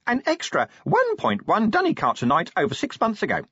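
A chirpy, eager little imp, put on by a man in a high, bouncing voice with a slightly husky grain. It stays cheerfully polite no matter what, and the sound is dry and a little dull. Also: huge pitch swings, fairly quick, fairly bright tone, dry recording, full character voice. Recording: dull dry studio recording.

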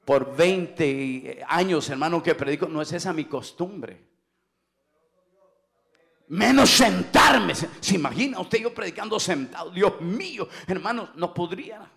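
Male Pentecostal pastor, very high gravelly voice, shouted preaching, keeps saying aleluya and hermano. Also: lively intonation, measured pace. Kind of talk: Pentecostal sermon.

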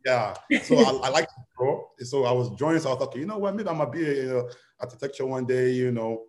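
A young Nigerian man is a casual interview guest who rambles, filling his talk with lots of "you know." His medium-pitched voice is animated and quick.

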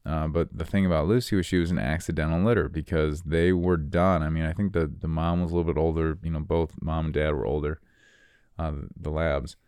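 A young American man talking in an unscripted, reflective monologue, rambling and halting as he repeats his words. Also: extremely low pitch, fairly even intonation, a little mellow, smooth, no room sound, studio quality.

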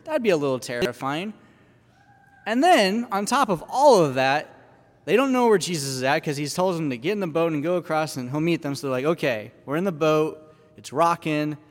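A man preaching a sermon in an animated, conversational way, full of casual fillers. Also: fairly high pitch, fairly quick, big-room sound. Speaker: priest. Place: church.

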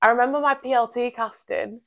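Young Durham woman, creaky voice. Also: a little high, fairly even intonation, brisk, a bit bright. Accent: Durham, North East English. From Durham, England. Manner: chatty, uses "like" constantly. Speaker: podcast guest, part-time model. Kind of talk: casual chat interview.

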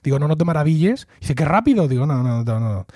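A man's voice: on the high side, very animated, fast talker, darkish tone, no echo, clean studio sound. A middle-aged man hosting a podcast, chatting casually and acting out quoted dialogue as he tells a story. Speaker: podcast host. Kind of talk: casual chat.

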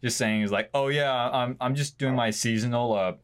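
A man's voice: mid-range voice, normal speed. A young man co-hosting a podcast stream, chatting casually in rambling, profane slang peppered with "like". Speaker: podcast and livestream co-host. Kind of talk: casual chat, recounting and banter.

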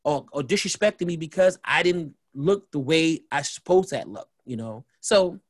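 A man's voice: a little high, moderate pace, dry recording. A middle-aged man, a podcast co-host telling a personal story with lots of "you know" fillers. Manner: animated storyteller, acts out quoted voices, many "you know" fillers. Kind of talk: storytelling chat.

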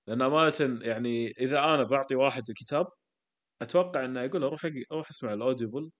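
A man chats on a podcast with a playful, teasing manner. He keeps up a quick pace at an ordinary mid pitch. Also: muffled recording. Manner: teasing, conversational. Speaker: podcast co-host. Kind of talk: casual chat.

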